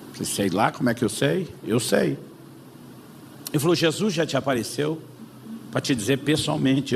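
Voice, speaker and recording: Brazilian pastor with a gravelly voice. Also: male voice, fairly high pitch, slight background noise. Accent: Brazilian Portuguese. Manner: lively storyteller acting out both sides of a dialogue. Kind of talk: sermon storytelling.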